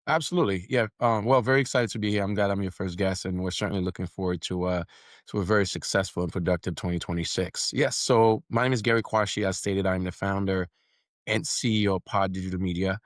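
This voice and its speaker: A middle-aged Haitian man whose first language is Haitian Creole speaks as a podcast guest and founder of a podcast network, in casual interview talk. He sounds confident and businesslike, repeating words as he builds a point, with a low-pitched, fast voice. The studio-quality recording has no room sound.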